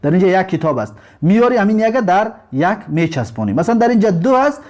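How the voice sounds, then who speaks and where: A man with a fairly high voice gives a recorded Arabic lesson, explaining patiently. He says each term slowly, then repeats it with its meaning. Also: sing-song, a little mellow. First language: Tajik. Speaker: Arabic language teacher.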